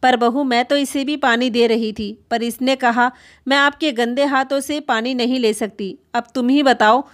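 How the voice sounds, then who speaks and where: A meek older grandmother pours out her grievances in a plaintive, pleading way, as a woman narrator voices her. The voice sits a little high. It is a story reading, plainly spoken. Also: fairly even intonation, normal speed, lightly acted. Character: aggrieved elderly grandmother, meek and tearful.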